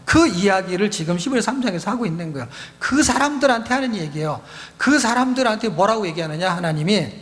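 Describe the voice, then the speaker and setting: A male pastor with a voice that sits high preaches at a youth retreat in a church hall, and the recording has a big-room sound. He explains scripture conversationally, repeating key words and putting questions to the audience.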